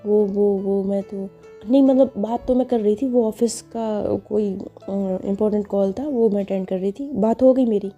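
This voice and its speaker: A woman storyteller voicing a young woman who pines for her absent wife, pleading softly and stammering when caught out. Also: mid-range voice, moderate pace, lo-fi sound, soft background music, close to an everyday voice. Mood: flustered.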